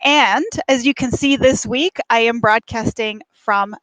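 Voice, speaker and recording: Higher-pitched woman hosting a coaching livestream. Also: measured pace, fairly bright tone, no room sound, poor audio. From Mexico. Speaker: host, life and career coach. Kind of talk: conversational livestream monologue and interview. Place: at a beach.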